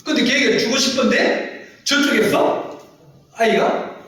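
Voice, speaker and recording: A man preaches with a high voice, pressing his points and asking the congregation questions. He sounds distant, his words ringing through a very echoey church sanctuary. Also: a little slow, fairly bright tone. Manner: emphatic, asks the congregation questions. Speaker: pastor. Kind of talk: sermon.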